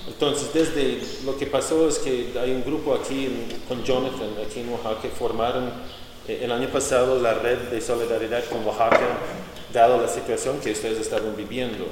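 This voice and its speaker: A man leading a visiting delegation, interpreting between speakers and often pausing with "uh". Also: mid-range voice, flat delivery. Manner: hesitant, fills pauses with uh. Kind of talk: interpreting between English and Spanish. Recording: echoey hall, noisy.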